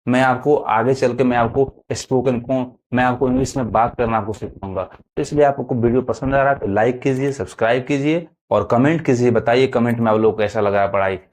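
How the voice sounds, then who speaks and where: A man's voice: medium pitch, brisk, hardly any pauses, darkish tone. Repetitive Hindi-speaking male English teacher. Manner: repetitive, keeps asking if students understand. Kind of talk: video lesson on English pronunciation.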